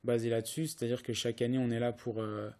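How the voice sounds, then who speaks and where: A man's voice: medium pitch, level tone, fast talker, darkish tone. A young man from France, a pro cyclist, answering interview questions hesitantly with many restarts and fillers. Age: young adult.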